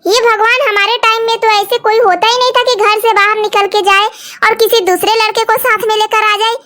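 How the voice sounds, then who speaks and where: A woman's voice: very high voice, level tone, a little fast. A woman doing a nagging, domineering mother-in-law. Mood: alarmed. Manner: nagging, taunting, boastful about old times. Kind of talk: cartoon story voice acting.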